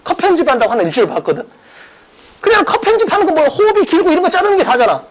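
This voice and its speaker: A very high, very animated voice races along at a very fast clip over poor audio with a bit of hiss or hum. The English exam-prep teacher and academy head breaks down a mock exam for students, pressing points through repetition and rhetorical questions in a casual, informal way.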